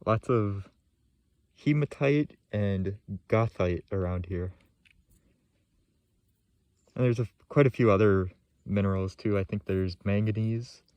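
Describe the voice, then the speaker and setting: Casting: young adult male vlogger, low laid-back voice, casual commentary, dry close sound. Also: slow, pauses often, a little mellow, dry recording. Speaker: rock hunting vlogger. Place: outdoors in a yard and rock field, or inside a parked van. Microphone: phone at arm's length.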